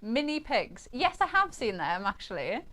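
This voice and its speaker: A woman's voice: fairly high pitch, very animated, normal speed, fairly bright tone. A woman presenting craft products live on a shopping channel, chatty and cooing over how cute the designs are.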